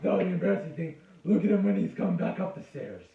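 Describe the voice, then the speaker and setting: A man's voice: high-pitched, lively intonation, fast, vocal fry, very noisy. A man giving a crude, rambling comic history lecture, cursing and interrupting himself. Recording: echoey, distant, dull lo-fi room sound.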